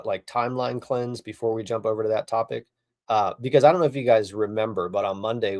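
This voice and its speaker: A man's voice: medium pitch, a little mellow. A man hosting a casual political podcast, talking in a rambling, emphatic way with many fillers. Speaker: podcast host.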